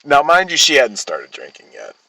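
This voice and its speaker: A male vlogger with a medium-pitched, creaky, pushed and bright voice tells a rambling personal story, his pitch swooping wildly. He swears often and keeps halting to restart sentences, and the audio quality is poor.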